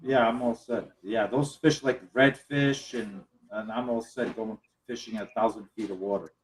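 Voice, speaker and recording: A man's voice: fairly low pitch, fairly even intonation, moderate pace, a little hiss or hum, low-quality recording. Man, chatting casually. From Cape Cod, Massachusetts. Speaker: participant in a live group chat. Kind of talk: casual chat.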